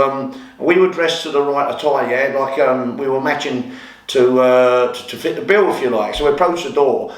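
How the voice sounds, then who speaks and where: A man in his fifties with a London accent tells stories casually to viewers, hesitating often in a conversational way. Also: mid-range voice. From West London, England. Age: 50s. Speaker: YouTube channel host. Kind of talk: casual spoken storytelling to viewers. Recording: echoey room.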